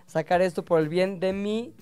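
High, smooth-voiced Mexican man venting. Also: moderate pace, faint music behind. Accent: Mexican Spanish. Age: adult father. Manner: animated, crude and joking, with sudden loud bursts. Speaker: podcast host. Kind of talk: casual podcast chat.

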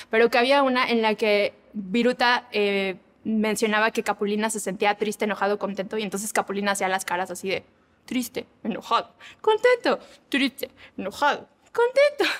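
Animated woman, devotional talk. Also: a little high, brisk, few pauses, big-room sound. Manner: animated, acts out examples with voices.

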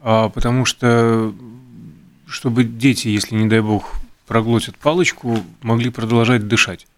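A male co-host in relaxed chat, reeling off fun facts. He stumbles over words, fixes them as he goes and fills gaps with hesitant sounds. His voice sits at an ordinary middle pitch. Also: a little slow. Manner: chatty, hesitant with fillers, self-correcting. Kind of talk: casual chat reading out trivia.

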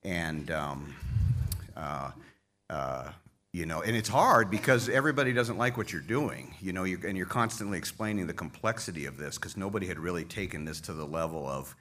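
A man's voice: low voice, lively intonation, moderate pace, a bit bright. A man leading an association, giving a conference speech with folksy humor, openly emotional as he thanks his staff. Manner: folksy, self-deprecating humor. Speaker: association leader addressing members. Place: conference hall stage.

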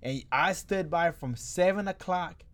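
Young guy, slightly high voice, slangy and laid-back storyteller. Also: a little slow, fairly bright tone. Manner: slangy, rambling, laughs through the story. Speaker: storyteller among friends. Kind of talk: casual chat.

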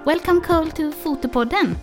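Swedish woman, podcast host, friendly and laughing, slightly high voice. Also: fairly quick, music in the background. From Sweden. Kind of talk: podcast interview.

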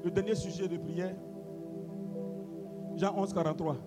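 A man preaching as pastor, leading a congregation in call-and-response prayer, switching between quiet instructions and shouted declarations. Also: high-pitched, steady tone, a little slow. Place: church service. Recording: loud worship music underneath.

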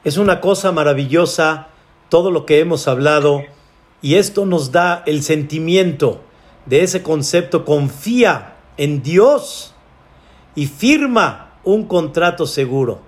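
A rabbi delivers a sermon in a high voice at an unhurried pace. He tells a story dramatically and gives each character its own voice. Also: lively intonation.

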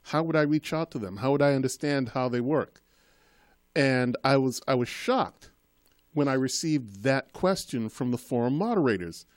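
Born in Trinidad and raised in Boston, a man in his fifties who sits on a school committee recounts his life story as a guest in a casual interview. He speaks earnestly and rambles, his medium-pitched voice animated at a moderate pace, captured in a dry, studio-quality recording.

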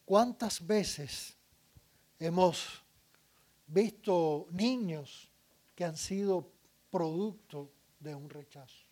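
A man's voice: high voice, a little mellow. A man giving a public talk on parenting, asking the audience questions and listing points one by one. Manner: deliberate, lists items one by one; asks the audience questions and answers them. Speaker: speaker addressing an audience.

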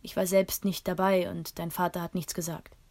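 A woman's voice: on the low side, level tone, moderate pace, a little mellow, close to an everyday voice. A woman voicing a tall, strong man who speaks with careful worry, in a read-aloud story. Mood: concerned. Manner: careful, hesitant.

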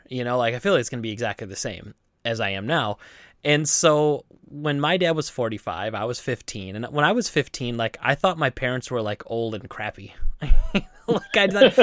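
A man's voice: medium pitch, fairly bright tone, no echo, clean studio sound. A man in his late thirties, co-hosting a podcast in casual chat, rambling with many fillers and restarts. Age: 30s. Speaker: podcast co-host.

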